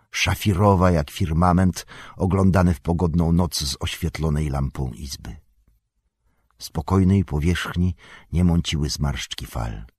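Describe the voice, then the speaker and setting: A man reading a fantasy novel aloud in a measured, lyrical narration. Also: rumbling low, a little mellow, breathy edge, no room sound. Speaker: audiobook narrator. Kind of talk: scripted narration.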